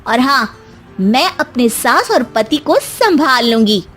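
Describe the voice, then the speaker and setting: A woman voicing an indignant young daughter-in-law in an animated story, firm, outspoken and emphatic. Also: high voice, slow, faint music behind, exaggerated voice. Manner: emphatic scolding.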